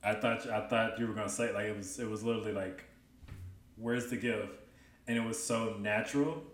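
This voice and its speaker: A man's voice: fairly low pitch, fairly even intonation, fast. Laid-back man in a roomy space. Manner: easygoing, laughs often, rambling restarts. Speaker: podcast co-host. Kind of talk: casual podcast chat. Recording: roomy, distant mic.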